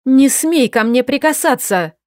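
A woman voicing a defiant young noblewoman who speaks in sharp outbursts. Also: high-pitched, expressive, a little slow, no echo, studio quality, voice pushed up.

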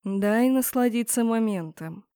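A woman voicing a brooding, possessive male mage rector who murmurs slowly and huskily. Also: fairly high pitch, no room sound, clean studio sound, natural voice. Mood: hushed, possessive. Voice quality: husky. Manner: slow hushed murmur.

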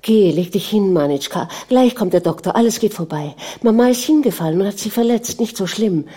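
A woman's voice: medium pitch, expressive, brisk, dark tone, husky. A woman reading an audiobook, voicing a devout old nanny who wails, mutters and comforts. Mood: soothing. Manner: wailing, muttering, soothing.

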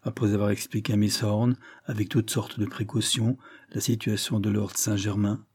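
A man reading a novel aloud in an earnest, measured first-person narration. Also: fairly low pitch, level tone, a little mellow, breathy edge, no room sound, studio quality. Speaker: audiobook narrator.

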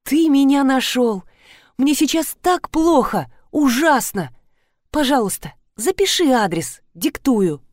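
A woman reading an audiobook, voicing an excitable, tearful adult woman who exclaims breathlessly. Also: slow, no room sound, studio quality, full character voice. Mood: sobbing. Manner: breathless exclaiming, high-pitched.

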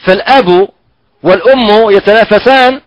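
A man with a high voice teaches Quran recitation, pausing often and drawing out syllables to show how each sound should be formed. The recording is dry and close, with a dull, muffled lo-fi tone. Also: no room sound. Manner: halting, repeats and drags out sounds to demonstrate pronunciation. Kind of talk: recorded online tajweed lesson.

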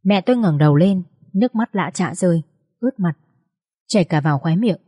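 A woman's voice: lowish voice, expressive, a little fast, mellow, husky, no room sound. A woman narrating an emotional first-person story as an audiobook reader.

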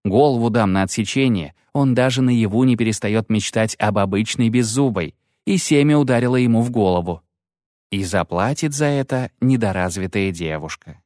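A man's voice: lowish voice, darkish tone, dry recording, studio quality, lightly acted. A man doing a grumbling mocking bard. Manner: grumbling, quick mocking remarks.

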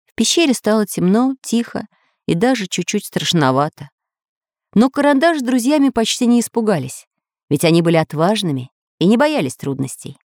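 Casting: woman narrator for a kids' audiobook, lively and sing-song, dry close sound. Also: mid-range voice, normal speed, dry recording. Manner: expressive, storytelling.

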